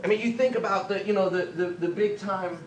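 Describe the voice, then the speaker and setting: A man from the United States giving an energetic motivational business training talk, full of rhetorical questions and jokey asides. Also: high voice, brisk. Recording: echoey room, faint background noise.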